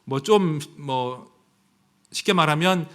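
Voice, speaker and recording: A man preaching a sermon as pastor, emotional and conversational, dropping to hushed asides and rising to outcries, reading scripture aloud in a louder formal voice. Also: fairly high pitch, takes it slowly, clean tone. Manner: conversational, asks the congregation for agreement.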